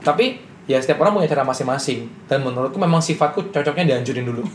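A young man, a business owner telling his story in a casual interview with brash, animated confidence. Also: mid-range voice, very fast. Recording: roomy echo with faint noise.

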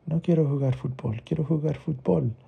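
A man's voice: fairly high pitch, moderate pace, gravelly, breathy edge, muffled recording, heavily acted. A man doing a frustrated little boy Teo. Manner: pleading, whiny and upset. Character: young boy who lost his English, frustrated.

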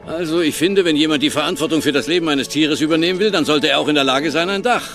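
A man's voice: on the high side, quick pace, over music, natural voice. An actor playing a stern, demanding middle-aged father in a TV drama dub, lecturing and curt. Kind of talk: German TV series dub acting.

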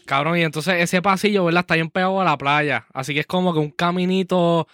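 A man's voice: on the high side, steady tone, fast, fairly bright tone, no echo, studio quality. A young man with a Puerto Rican accent telling a story animatedly on a podcast, swearing constantly. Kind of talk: casual podcast chat.

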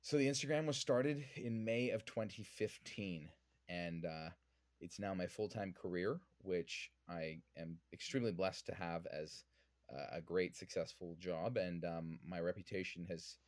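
A deep-voiced man from Vancouver, speaking with a Canadian accent, answers interview questions in a conversational way as a guest on a podcast. He's a whiskey influencer, and the recording is dry.

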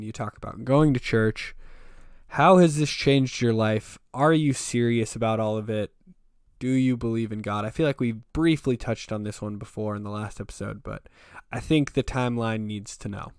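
A young man runs a relaxed podcast interview, joking, swearing and laughing as he reads out listener questions. His voice sits in the middle range and is recorded dry, with no room sound. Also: medium pitch, normal speed, clean tone, no room sound. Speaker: podcast host. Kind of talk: casual interview chat.

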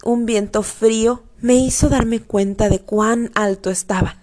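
A woman reading a first-person story aloud in a steady, expressive way. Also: a little high, unhurried. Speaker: audiobook narrator.

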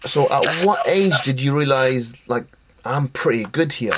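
A man's voice: mid-range voice, unhurried, heavy background noise. A man hosting a football podcast, enthusiastic and informal. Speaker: podcast host.

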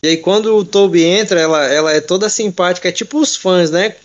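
A man with a notably high voice chats casually with friends, retelling a film as an animated, joking storyteller who uses a lot of slang. The recording sounds dull and lo-fi. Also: fairly quick. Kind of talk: casual chat.

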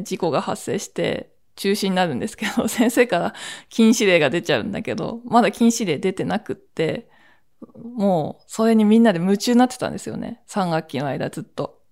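A woman's voice: medium pitch, a little mellow. A woman in her forties from Akita, hosting a podcast and telling a childhood story in a chatty, rambling way with asides. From Akita, Japan. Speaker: podcast host. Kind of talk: casual solo storytelling.

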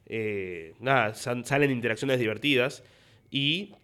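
A man's voice: medium pitch, a little slow, bright, forceful tone, clear, resonant tone. A young man with a Rioplatense Argentine accent talks in a loose podcast monologue. He is a stand-up comedian who recounts stories from his shows and slips into voices for the people he met. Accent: Rioplatense Spanish. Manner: storytelling with acted-out dialogue.

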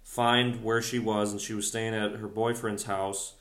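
A man's voice: fairly low pitch, level tone, a little slow, a bit bright. A man co-hosting a casual TV recap, easygoing and a bit hesitant as he goes through his notes. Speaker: podcast co-host. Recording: roomy echo.

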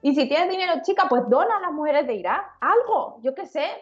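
A woman guest on a podcast interview, talking in an animated, slangy and frank way. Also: high voice, a little fast, lo-fi sound, soft background music. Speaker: guest illustrator. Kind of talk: conversational interview.

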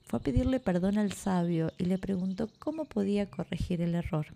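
A woman guiding a yoga nidra meditation and reading stories in a slow, soothing way. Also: medium pitch, animated, vocal fry, dark tone. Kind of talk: guided meditation with story reading.

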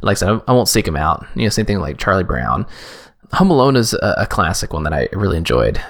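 A man co-hosting a podcast, chatting casually and rambling with many halting restarts. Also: sits low, sing-song, fairly bright tone. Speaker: podcast co-host. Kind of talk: casual chat.

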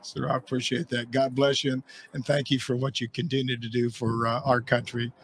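A man's voice: mid-range voice, level tone, a little fast, slight background noise. An older American man hosting a podcast as a retired Army sergeant major, talking casually and earnestly to viewers in a folksy, emphatic way. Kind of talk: casual podcast sign-off and heartfelt address to viewers.

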